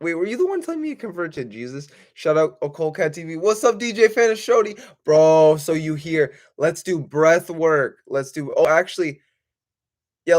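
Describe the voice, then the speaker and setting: A male life coach hosts a livestream in a fairly high voice. He chats informally with viewers, circling back and repeating his points. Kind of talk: casual livestream chat.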